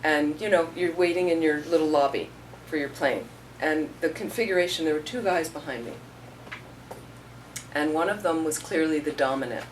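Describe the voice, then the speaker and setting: A low-voiced woman, a Buddhist teacher, gives an informal dharma talk at a moderate pace, chatting through stories and acting out the voices of the people in them. She's picked up by a distant mic across the room, with a faint hum of room noise behind her.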